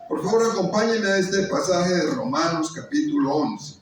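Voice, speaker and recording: A man in his fifties preaching a sermon, earnest and pleading, with slow emphatic pauses. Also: high voice, animated, recorded from a distance. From Colombia. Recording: very echoey hall, voice off-mic, faint noise.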